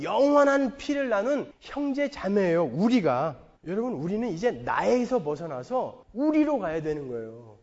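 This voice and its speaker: Animated high-voiced man preaching in a hall. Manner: animated storytelling with a joking, emphatic delivery. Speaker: pastor. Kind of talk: sermon. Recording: dull lo-fi sound in a long-reverb church hall.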